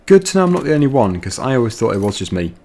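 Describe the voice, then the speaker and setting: A man's voice: mid-range voice, very animated, rapid-fire, warm tone. A man giving chatty, rambling commentary while playing a video game. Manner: chatty, rambling, laughs easily. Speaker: let's play gamer. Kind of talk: casual gameplay commentary.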